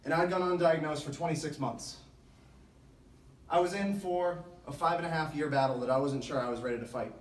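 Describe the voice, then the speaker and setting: A motivational speaker, male and slightly high in pitch, shares his story with a sports team, earnest and deliberate, emphasizing important phrases. The room is echoey and the microphone far off, making the audio very roomy.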